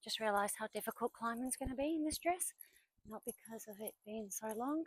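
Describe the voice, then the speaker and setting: A woman's voice: on the high side, fairly quick, slightly rough, no room sound, rough recording. A young woman from New Zealand talking casually to her camera while walking outdoors on a woodland trail, often dropping to a whisper. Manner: chatty, often drops to a whisper. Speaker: vlogger.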